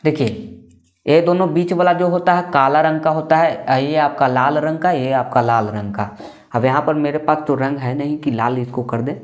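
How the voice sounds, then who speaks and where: A man's voice: fairly high pitch, steady tone, moderate pace. A man explains a maths lesson in an easygoing classroom way. He repeats each point and keeps asking questions that he answers himself. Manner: repetitive, asks and answers own questions. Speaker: maths teacher.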